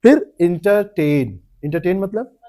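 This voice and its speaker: A man's voice: sits high, animated, slow pace, warm tone. A man teaching a classroom lecture, explaining word meanings, repeating terms and quizzing students by name. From India.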